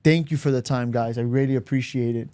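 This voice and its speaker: A man's voice: medium pitch, fairly even intonation, fairly quick, a little mellow. A man hosting a podcast interview, asking friendly questions and agreeing often. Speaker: podcast host. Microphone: podcast studio mic.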